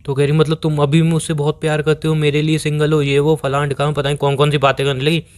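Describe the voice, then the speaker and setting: A man's voice: a little high, monotone, fast. A man playing a boyfriend on a phone call, rambling defensively and pleading to be heard. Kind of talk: scripted couple call recording.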